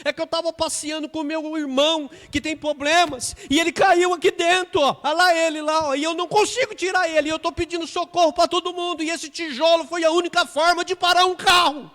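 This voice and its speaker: A man's voice: fairly even intonation, brisk, few pauses, fairly bright tone, big-room sound. A man voicing a desperate, tearful little boy pleading for help, with a Brazilian Portuguese accent. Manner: high, pleading and urgent.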